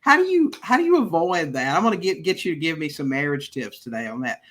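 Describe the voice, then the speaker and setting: Middle-aged male podcast host, casual and rambling, slightly high voice. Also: big pitch swings, quick pace, a bit bright. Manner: rambling, restarts, eager questions. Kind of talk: casual interview.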